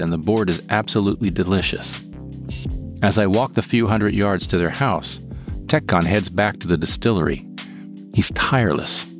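A man reading a first-person story in a calm, measured way. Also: low voice. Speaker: narrator. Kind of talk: scripted first-person narration. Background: guitar music.

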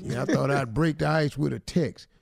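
A man's voice: mid-range voice, normal speed, gravelly, dry recording, studio quality. A man co-hosting a comic advice talk segment, teasing the letter writer and acting out his lines. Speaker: radio show co-host giving advice. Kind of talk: comic relationship advice chat.

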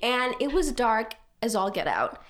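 A young woman chatting casually, telling a story in an animated way with frequent laughs and lots of "like". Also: on the high side, unhurried.

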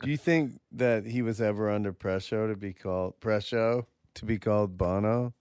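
A man hosting a podcast, chatting casually with teasing, deadpan remarks. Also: on the low side, normal speed, clear, resonant tone, no room sound, clean studio sound. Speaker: podcast host. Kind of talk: casual banter.

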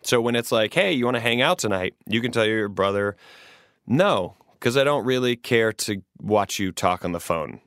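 A man's voice: on the low side, expressive, moderate pace, a bit bright, no room sound, clean studio sound. A man in his late thirties co-hosting an advice podcast, talking things through earnestly in a rambling, restarting way. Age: 30s. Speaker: podcast co-host giving advice. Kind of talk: casual advice chat.

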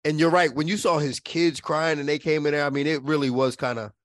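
A man's voice: fairly high pitch, fairly even intonation, a little fast, no room sound, studio quality. Easygoing male guest co-host. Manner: easygoing, agreeable, laughs often. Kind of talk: casual chat.

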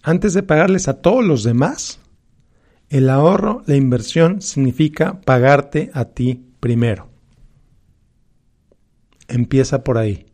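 Male financial presenter, Mexican accent. Soft-edged, relaxed tone, mid pitch, emphatic advisory delivery with repeated key phrases. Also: slow, pauses often. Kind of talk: motivational personal finance talk.

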